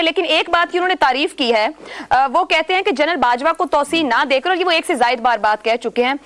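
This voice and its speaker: A woman's voice: high voice, a bit bright. A woman hosting a political talk show, pressing guests with pointed questions.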